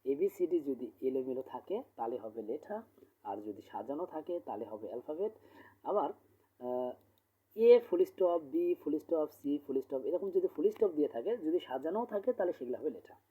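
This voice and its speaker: A man teaching an English pronunciation lesson, explaining step by step, asking questions and answering them himself, and repeating words slowly to show how they sound. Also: a little high, very animated, mellow, husky. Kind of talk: classroom lesson. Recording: tinny phone-like audio.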